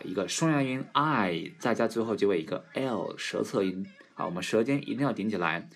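Male pronunciation teacher, relaxed lesson, slow drawn-out example words, low voice. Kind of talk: casual English pronunciation lesson.

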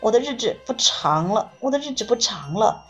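Woman doing a scared young woman patient, crying and pleading, high strained voice, faint music behind. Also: sing-song, moderate pace, dull audio. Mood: distraught.

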